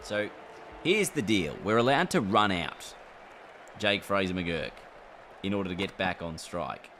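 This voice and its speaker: Male streamer, deep voice, chatty play-by-play over a game, steady background noise. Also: a little slow. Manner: chatty, reacts aloud to the game and answers chat. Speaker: gaming streamer. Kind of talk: casual livestream chat while playing.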